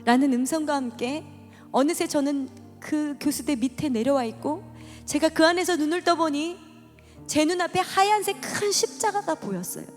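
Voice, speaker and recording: Woman, high pitch, emotional church testimony, dramatic storyteller, reverberant hall with soft music under. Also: moderate pace. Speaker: testimony speaker.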